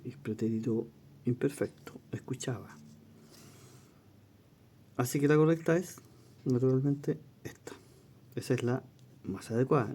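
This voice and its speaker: A man runs an exam-prep lesson, reading each question aloud and then explaining it. His voice is mellow and warm, at a middling pitch, and he keeps checking in with his listeners as he goes. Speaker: teacher.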